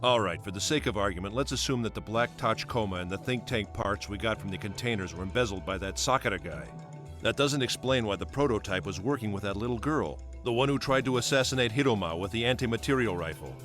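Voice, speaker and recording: In an English dub for a video game cutscene, a man voices a blunt special-ops agent who challenges and questions what he's told. His lowish, fairly bright voice moves quickly and sits close to everyday speech, with soft music playing behind.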